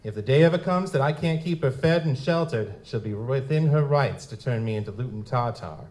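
Here the same kind of role comes through a medium-pitched, expressive voice that's a little fast, a little mellow, and only lightly acted. Over background music, he performs as a world-weary, wry lutin private eye down on his luck, mixing first-person noir narration with dialogue in a live audio drama full of folksy wisecracks.

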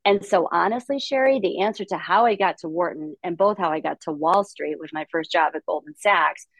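A middle-aged woman from Latvia speaks as an interview guest, articulate and upbeat, pitched a little low. The sound is dry and close, with no room around her. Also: fairly quick, no room sound. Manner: articulate, upbeat storytelling with light laughs. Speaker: podcast guest, investor. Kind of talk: conversational interview.

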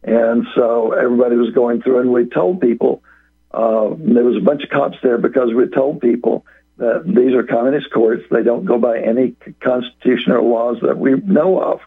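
A man with a gravelly, husky voice calls into a radio talk show over a tinny phone line. He rambles through a long story and acts out what others said along the way. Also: mid-range voice, fairly even intonation, moderate pace. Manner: rambling, acts out quoted speech. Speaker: guest telling a court story. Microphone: phone call.

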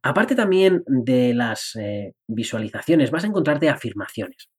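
A man talks through his podcast in a loose, chatty way, poking fun at himself and slipping into little acted-out voices. His voice is slightly husky and sits at an average pitch for a man. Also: very animated, a little slow. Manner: chatty and playful, laughs at himself, acts out inner voices. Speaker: podcast host and personal development coach. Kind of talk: casual podcast monologue.

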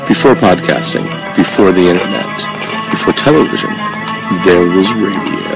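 A man narrates like a dramatic trailer announcer. His lowish, gravelly voice moves at a slow pace beneath very loud music. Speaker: show announcer.

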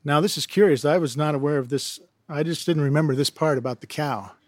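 A man's voice: fairly high pitch, brisk, slight background noise. A man, an author at a live writers' workshop, reading his own fiction with dry offhand asides.

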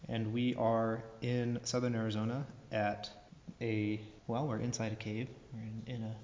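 A man's voice: on the low side, flat delivery, normal speed, darkish tone, slight background noise. A man hosting a casual podcast interview, his voice echoing around a big underground cave room. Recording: echoey cave, long reverb, dull sound.

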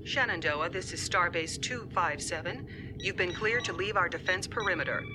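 An actor playing a starbase officer who gives formal clearance over a starship communicator channel, calm and measured. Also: mid-range voice. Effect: starship communicator transmission. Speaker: starbase officer hailing a ship. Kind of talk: TV drama acting. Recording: distant TV clip with music beneath.

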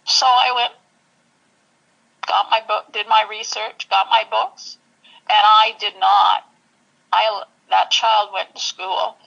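A woman telling her personal story in an interview, halting and searching for words. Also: mid-range voice, flat delivery, gravelly, sharp tone, highs cut off. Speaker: interview guest.

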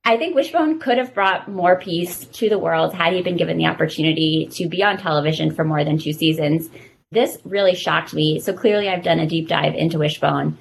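A woman's voice: low voice, a little fast, creaky, slight background noise, rough recording. A woman in her thirties hosting a podcast, chatting and telling nostalgic stories. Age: 30s. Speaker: podcast host. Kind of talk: casual podcast chat.

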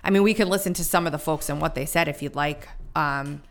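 A woman co-hosting a casual political talk show, chatting in quick asides and reading quotes aloud. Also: deep voice. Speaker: podcast co-host.

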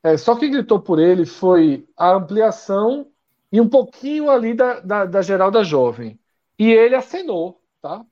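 A man's voice: high-pitched, very animated, unhurried, dark tone. A man from Brazil hosting a live football talk stream, disagreeing often and reading out chat comments. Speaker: sports show host. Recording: dull lo-fi audio.

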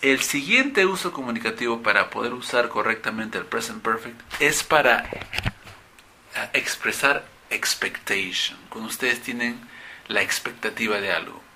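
A man's voice: mid-range voice, animated, unhurried, sharp tone, a little hiss or hum. A man teaching English grammar in Spanish, animatedly acting out example questions in English. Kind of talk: explaining grammar to students.

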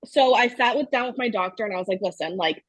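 Husky-voiced woman telling her story. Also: a little high, quick pace, dry recording, poor audio. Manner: animated, fills speech with "like". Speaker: podcast guest. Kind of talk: casual personal storytelling.

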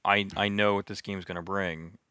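Low-voiced man, laid-back podcast chat. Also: little pitch movement, pushed and bright, clear, resonant tone, no echo. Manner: laid-back, drawn-out, with frequent laughs. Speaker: podcast co-host. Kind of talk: casual gaming podcast chat.

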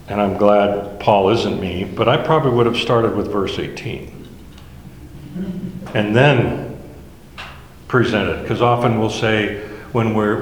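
A man's voice: lowish voice, slight background noise. A man leading a Bible study, explaining verses one by one in a conversational way. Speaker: Bible teacher. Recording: echoey hall with faint ambience.

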